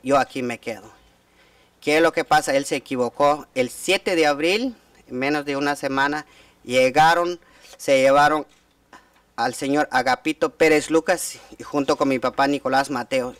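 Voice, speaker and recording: A man in his thirties testifying at a formal hearing, speaking haltingly with frequent restarts. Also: fairly high pitch, steady tone, a bit bright, no echo, distant mic. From Guatemala. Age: 30s. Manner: halting, many restarts and repeated words. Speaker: witness giving testimony. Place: hearing room.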